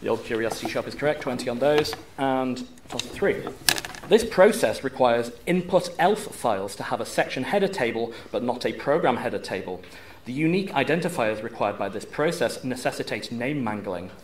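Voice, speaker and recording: With a mid-range, expressive voice at normal speed, a man serves as quizmaster in a university room during a quiz tournament. He reads the questions formally and clearly over the background noise of the live room.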